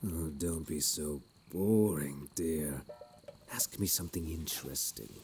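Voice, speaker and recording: A man playing a sinister, courteous plague doctor in a fantasy audio role-play, with a low, unhurried voice and archaic, doting yet menacing speech. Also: a little mellow, slight background noise. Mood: doting, teasing.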